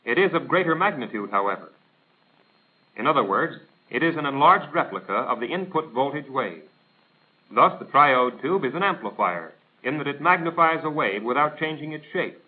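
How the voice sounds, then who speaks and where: On a tinny, band-limited 1940s film soundtrack, an American man with a mid-range, expressive voice reads a scripted lesson at a moderate pace. He sounds formal, precise and didactic, just like the narrator of a 1940s military training film.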